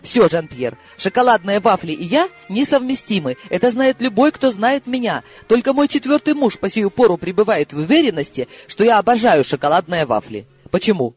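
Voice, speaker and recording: A man's voice: high voice, big pitch swings, brisk, few pauses, husky, soft background music, voice pushed up, full character voice. A male audiobook reader voicing an impatient, headstrong woman in love who speaks insistently. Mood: exasperated. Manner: insistent, exclamatory. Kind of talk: audiobook character voice.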